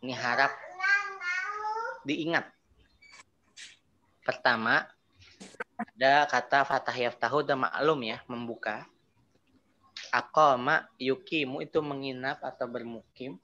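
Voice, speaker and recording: A man's voice: medium pitch, slow, pauses often, lo-fi sound, slight background noise. A man teaching Arabic in an online class, explaining patiently and stressing each Arabic word. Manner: explains patiently, repeats terms, lively emphasis on Arabic words.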